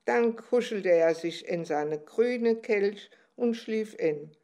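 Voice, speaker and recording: A woman reading a children's story aloud in a gentle, unhurried way. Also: mid-range voice, animated.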